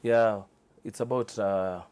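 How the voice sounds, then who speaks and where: A Kenyan man with a fairly low voice speaks as an interview guest. His delivery is informal and hesitant, feeling his way through answers in halting phrases. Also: steady tone, a little mellow, clean tone. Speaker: interview guest, car audio dealer.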